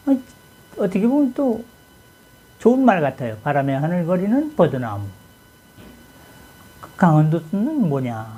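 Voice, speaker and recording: Host, man from Chungcheong, Korea. Folksy rhetorical-question talker, gravelly and mellow, for a casual talk. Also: fairly high pitch, poor audio. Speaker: channel host. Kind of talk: casual talk on classic texts.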